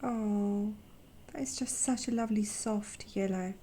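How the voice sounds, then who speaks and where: With a sore, croaky throat, a young watercolour artist hosts a relaxed vlog, swatching paints and talking softly at a measured pace. Her mid-range voice stays steady, often slipping into a whisper amid hesitant fillers, and a little hiss or hum sits under the recording.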